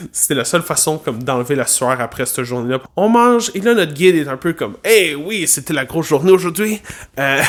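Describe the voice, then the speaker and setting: A man with a Québécois French accent, a vlogger and music teacher, telling a travel story in a playful, animated way with lots of asides. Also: fairly high pitch. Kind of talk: casual storytelling vlog.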